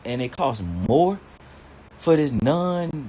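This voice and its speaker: Speaking slowly with a warm tone, this vlogger delivers a profane, rambling rant to camera, stammering and repeating himself. When he gets worked up and indignant, his pitch leaps upward. A little hiss or hum sits under the recording.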